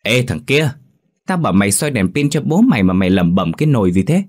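A man's voice: fairly low pitch, expressive, moderate pace, breathy edge. A man voicing a brash, rowdy young village man who talks in a coarse, mocking way. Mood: irritated. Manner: coarse and mocking, then panicked.

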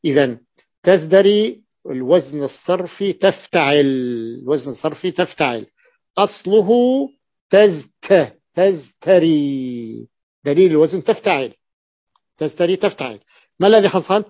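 A man's voice: fairly high pitch, expressive, no echo. Man teaching grammar in a dull, dry recording. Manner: explains slowly, repeats key phrases, drawn-out hesitations. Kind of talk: classroom grammar lesson.

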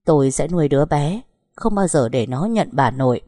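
A woman's voice: sits low, lively intonation, normal speed, mellow, no echo, studio quality. A woman voicing a fierce, protective middle-aged mother who scolds sharply. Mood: cold.

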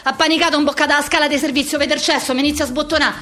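In a rapid-fire, high voice that stays steady and a bit bright, a woman acts out a frantic theatrical monologue in slang. She plays a harried, foul-mouthed office worker near fifty, ranting coarsely and rhythmically with a Roman accent.

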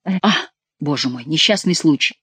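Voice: medium pitch, expressive, normal speed, a bit bright, slightly rough, no room sound. An audiobook reader voicing a young nobleman who talks in a dry, ironic way about a grim event. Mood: wry. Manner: ironic, dryly joking. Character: young nobleman, wry and rattled. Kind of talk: audiobook reading.

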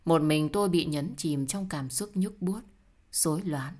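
A woman narrating a first-person dramatic story in a steady reading voice. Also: sits low, unhurried.

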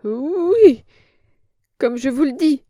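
Woman doing a shrill, whining old hag, high and loud, dry studio read. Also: animated, extremely slow, dry recording, full character voice. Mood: whining, frightened. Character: old vulgar female innkeeper, whining and scared.

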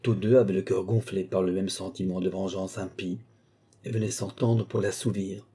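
A man reading a classic novella aloud in a measured, steady storytelling manner. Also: deep voice, breathy edge. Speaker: audiobook reader. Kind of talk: scripted narration of a classic novella.

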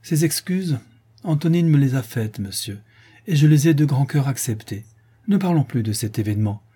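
A man reading an audiobook and voicing a gracious, kind society woman who speaks in a measured, reassuring way. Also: mid-range voice, expressive, dark tone, slightly rough.

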